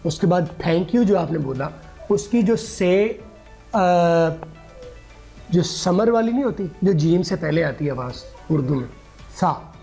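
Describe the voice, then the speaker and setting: Gravelly man teaching English slowly. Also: on the high side, lively intonation, dark tone, faint music behind. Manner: patient, repeats words slowly for students. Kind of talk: classroom English lesson.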